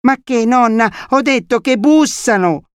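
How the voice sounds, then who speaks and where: A man putting on a shrill, excitable little boy. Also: normal speed, dry recording, clean studio sound. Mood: excited shrill. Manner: shrill, know-it-all. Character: excitable little boy losing milk teeth.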